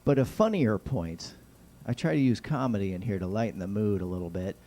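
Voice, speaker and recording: A man's voice: fairly low pitch, expressive, a little fast, mellow. An American man hosting a casual, lightly humorous talk show in a folksy, rambling, neighbourly way, with whistling s sounds. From Kansas City, United States. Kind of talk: casual solo political chat with light humour.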